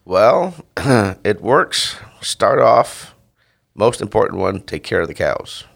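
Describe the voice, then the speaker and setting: Animated and a bit bright despite a fairly low pitch and some vocal fry, this middle-aged man from the Netherlands speaks with a Dutch accent. He is a dairy farmer responding to interview questions in a halting manner, with lots of fillers and false starts.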